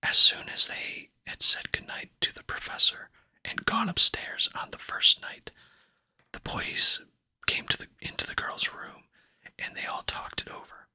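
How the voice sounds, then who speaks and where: A man reads a book aloud as an ASMR host, whispering in a breathy, hushed, soothing voice. His delivery is slow and calming.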